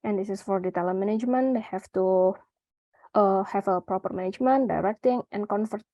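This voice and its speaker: Indonesian woman presenting research, halting. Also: medium pitch, mellow, dry recording. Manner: halting, with frequent fillers and restarts. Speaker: conference presenter.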